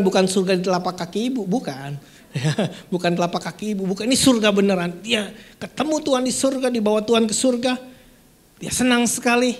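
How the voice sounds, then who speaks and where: A preacher giving a live-streamed church sermon, swinging from loud peaks to hushed lines and asking the congregation questions. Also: medium pitch.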